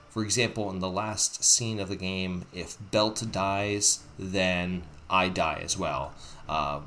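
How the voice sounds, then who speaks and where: A man's voice: low voice, fairly bright tone. A man hosting a casual game playthrough, thinking aloud in a rambling way over music. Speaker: gaming video host.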